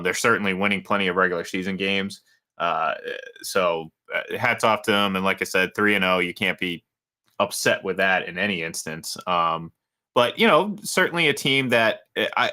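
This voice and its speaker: The sharp, low voice belongs to a sports radio co-host in his thirties. His talk is casual and meandering, full of fillers and false starts.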